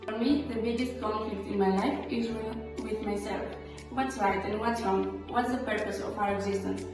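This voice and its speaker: A woman's voice: mid-range voice, fairly even intonation, normal speed. A young woman from Greece with a Greek accent, a student giving an earnest, prepared statement. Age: 20s. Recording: echoey hall, far from mic. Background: background music.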